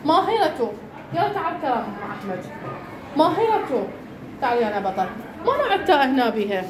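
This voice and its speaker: High, lively Iraqi woman teacher. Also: a crowd in the background. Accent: Iraqi Arabic. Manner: brisk questioning, calls pupils by name. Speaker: primary school teacher. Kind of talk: classroom lesson, quizzing pupils. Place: classroom. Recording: echoey classroom with background noise.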